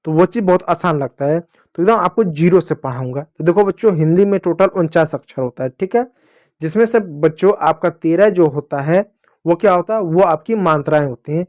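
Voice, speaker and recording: A man teaching young children the Hindi vowel signs, stretching syllables slowly so they can repeat them and fondly calling them dear children. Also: on the high side, darkish tone, no room sound, studio quality.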